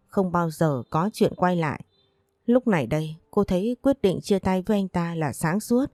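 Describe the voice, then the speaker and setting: A woman narrating a romance story, reading the lines of every character in one steady voice. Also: on the low side, dry recording. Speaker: audiobook narrator.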